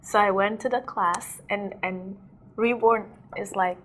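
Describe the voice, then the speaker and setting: A young South Sudanese woman who works as a DJ and model chats in a casual interview, her mid-range, fairly bright voice fairly even and a little slow. She laughs often and uses lots of "like"s and other fillers. It was recorded on a lapel mic in a studio.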